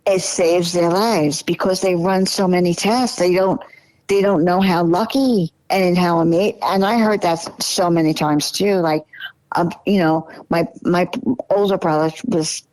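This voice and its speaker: A woman's voice: on the low side, steady tone, unhurried, a little mellow, no room sound, poor audio. A woman in her sixties, a podcast guest in casual conversation, chatty and often repeating phrases or trailing off mid-sentence. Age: 60s.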